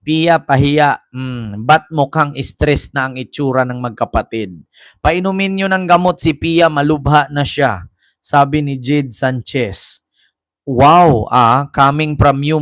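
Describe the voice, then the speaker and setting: Male commentator, slow, mocking delivery, dry close sound, frequent laughter. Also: medium pitch, no echo. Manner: mocking, laughs often, reads viewer comments aloud. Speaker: commentary vlogger. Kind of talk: casual commentary over clips.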